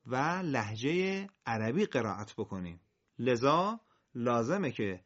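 A man teaching Quran recitation, drilling Arabic letters slowly and carefully with a class. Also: mid-range voice, muffled recording. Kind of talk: classroom lesson with call and response.

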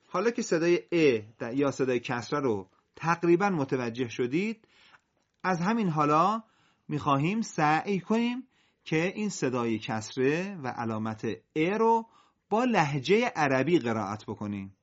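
A man teaching Quran recitation, drilling Arabic letters slowly and carefully with a class. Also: fairly high pitch, highs cut off. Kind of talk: classroom lesson with call and response.

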